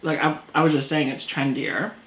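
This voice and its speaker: Chatty low-voiced woman, laughs often. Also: flat delivery, moderate pace, a bit bright. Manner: chatty, laughs often, acts out past quotes. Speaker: co-host. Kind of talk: casual chat over a meal. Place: indoors at a table. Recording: echoey room, faint noise.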